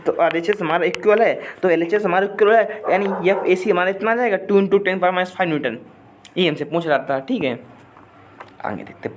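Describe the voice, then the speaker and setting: In a physics video lesson, a man with a slightly high voice works through problems, chatty and repetitive, speaking straight to viewers and asking them to comment. He sometimes hums a line of a song, and there's a faint hiss or hum in the audio.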